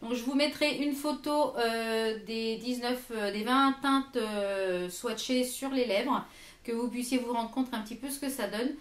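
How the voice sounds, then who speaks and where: A woman's voice: a little high, unhurried, reverberant. A French woman reviewing lipsticks in her own vlog, hesitant and full of fillers and repeated words. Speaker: beauty vlogger. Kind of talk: product review.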